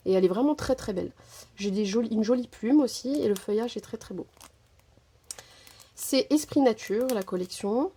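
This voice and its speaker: Woman, casual haul vlogger, soft dark tone, rambling and filler-heavy, phone-recorded. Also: mid-range voice, creaky. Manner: chatty, filler-heavy, keeps saying "voilà". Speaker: crafting vlogger. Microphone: phone camera.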